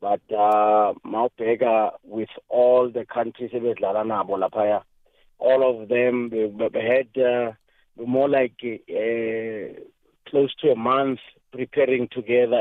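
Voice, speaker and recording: A South African man speaks as an interviewed coach in a mid-pitched voice. He is measured and hesitant, breaking his answers into short phrases. The line is dry, narrow and phone-like. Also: steady tone, no echo. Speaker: football coach being interviewed. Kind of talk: radio interview, mixing two languages.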